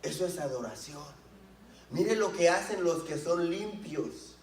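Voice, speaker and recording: High-voiced preacher in an echoey church. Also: male voice, expressive, measured pace, a little mellow. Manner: conversational preaching, asks the congregation questions. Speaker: pastor. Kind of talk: sermon. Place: church sanctuary. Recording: roomy echo, mic at a distance.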